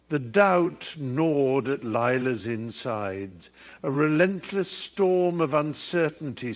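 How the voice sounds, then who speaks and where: Slow, calm male bedtime narrator. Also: mid-range voice. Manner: calm, unhurried, gentle reading.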